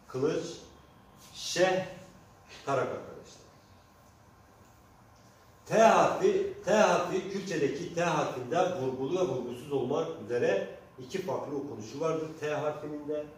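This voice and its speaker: In an echoey room, a Kurdish teacher with a slightly mellow, higher-pitched voice teaches the alphabet to Turkish speakers. He goes slowly and deliberately, repeats example words, and keeps addressing his listeners, all heard through a distant mic with strong echo and faint noise.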